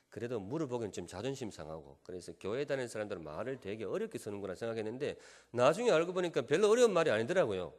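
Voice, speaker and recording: A man's voice: on the low side, a little mellow. A middle-aged man from Gyeongsang Province, a pastor with a Gyeongsang accent, preaching a sermon and teasing the congregation with questions and jokes. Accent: Gyeongsang Korean. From Gyeongsan, Gyeongsang Province, South Korea. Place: large church sanctuary. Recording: long church hall reverb.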